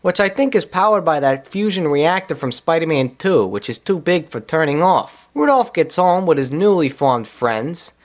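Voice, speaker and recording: Sarcastic man reviewing cartoons. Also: on the high side. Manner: sarcastic, wisecracking. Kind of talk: comedic review commentary.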